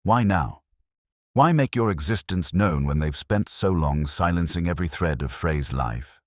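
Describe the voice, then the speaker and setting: A man narrating plays an earnest gentleman doctor, a detective's loyal companion. His voice is very deep yet varied in pitch, politely questioning in audiobook mystery style. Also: expressive, unhurried, no echo, studio quality. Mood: polite, urgent. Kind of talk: audiobook character dialogue.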